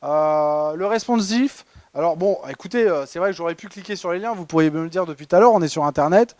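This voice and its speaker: Chatty high-voiced French man presenting. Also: brisk, darkish tone, no room sound. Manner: ironic, chatty, many fillers and restarts. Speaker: conference presenter. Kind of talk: humorous award presentation. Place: conference hall.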